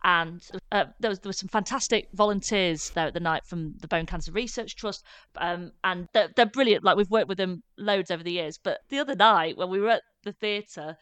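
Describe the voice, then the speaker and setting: Brief: woman, podcast co-host, chatty and animated, smooth and crisp voice, dry close sound. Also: fairly low pitch, a little fast, no echo. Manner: chatty, animated, laughing asides. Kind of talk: casual chat.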